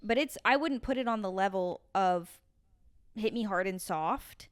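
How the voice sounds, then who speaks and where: A woman's voice: medium pitch, measured pace, clean tone, dry recording, studio quality. A young woman co-hosting a podcast, chatting casually in a playful, teasing, emphatic way. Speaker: podcast co-host. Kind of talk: casual chat.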